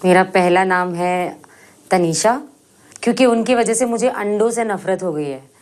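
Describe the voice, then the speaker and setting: A woman's voice: medium pitch, unhurried, a little mellow. A woman, a reality show contestant, talking in a plain conversational way.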